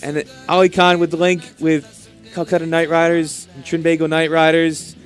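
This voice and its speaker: Over soft background music, a man with a rather high voice does live cricket commentary at a moderate pace. His delivery is flat, yet he's enthusiastic and talkative, explaining things and adding chatty asides.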